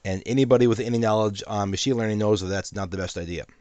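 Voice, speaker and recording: A man with a deep, low voice talks through his points with a steady, cautionary manner and the odd wry aside. His voice sounds congested from a sinus infection. The sound is dry and close, with no room around it. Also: fast talker, no room sound. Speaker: host of an AI commentary channel. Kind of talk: solo commentary to camera.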